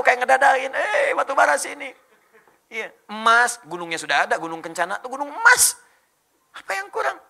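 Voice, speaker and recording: A man's voice: high-pitched, sharp tone. A male Islamic preacher giving a rousing religious lecture to an audience, exhorting his listeners and mixing in joking asides.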